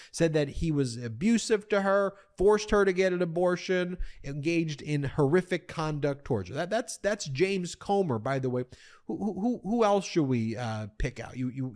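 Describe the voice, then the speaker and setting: A man's voice: a little high, darkish tone. A man hosting a political commentary, indignant, often repeating himself and addressing his audience as folks.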